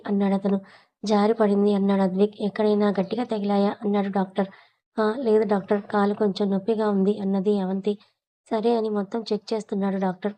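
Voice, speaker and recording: A woman tells a domestic story in a steady, even voice, reading every character's dialogue without much change in tone. Her voice sounds mellow and soft-edged, with little rise and fall. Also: mid-range voice. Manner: reads all characters in a plain voice. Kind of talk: scripted story narration.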